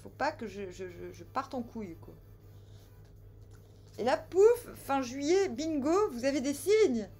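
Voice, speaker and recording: A woman giving a casual tarot reading who talks straight to her viewers, joking, teasing and scolding them, with sudden loud bursts and quiet asides. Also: high voice, big pitch swings, a little slow. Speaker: tarot reader.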